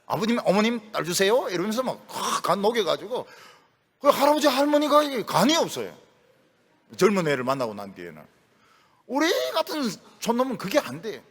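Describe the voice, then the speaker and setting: A man preaching a sermon as a pastor, animated, folksy and humorous. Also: high voice, a little fast, husky, long reverb tail.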